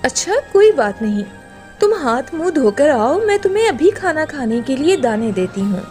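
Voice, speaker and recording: A woman's voice: sits high, sing-song, moderate pace, warm tone, soft background music. A woman voicing a loving mother bird in a cartoon story. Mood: tender.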